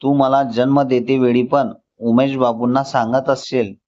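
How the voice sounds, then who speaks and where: A man's voice: medium pitch, flat delivery, a little slow, darkish tone, lightly acted. A man reading as a lovestruck, touchy young man. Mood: irritated. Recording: slightly dull lo-fi recording.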